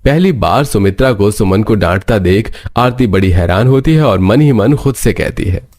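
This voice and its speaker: A man narrating a family cartoon story in a steady storytelling manner. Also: on the low side, normal speed.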